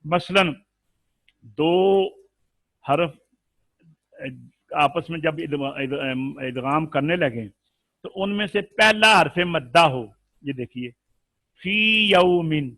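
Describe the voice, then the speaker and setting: A man teaching Quran recitation rules in a live lesson with an Urdu accent, explaining patiently and then chanting the examples slowly. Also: fairly high pitch, a bit bright, no room sound.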